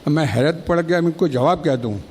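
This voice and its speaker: Man, high voice, speech at a ceremony, storytelling anecdotes, long auditorium reverb. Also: a little fast, a little mellow, husky. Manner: storytelling, acting out quoted exchanges. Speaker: speaker at a felicitation ceremony. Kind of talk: public speech telling anecdotes. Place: college auditorium.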